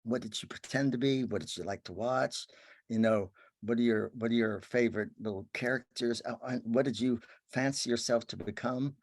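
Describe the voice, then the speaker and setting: A man giving an earnest spiritual talk, his voice often sinking to a soft, hushed murmur. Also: mid-range voice, moderate pace, no room sound, studio quality. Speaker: workshop speaker.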